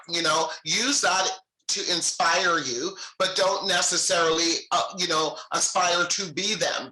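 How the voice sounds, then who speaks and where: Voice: mid-range voice, sharp tone. An interview host who affirms the guest and asks long, winding questions. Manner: affirming, rambling question asking. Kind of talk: interview conversation. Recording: echoey room.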